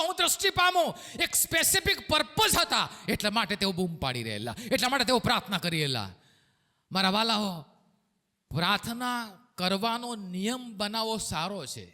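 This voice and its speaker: A male pastor preaching a sermon, swinging between shouted lines and hushed low ones. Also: big-room sound.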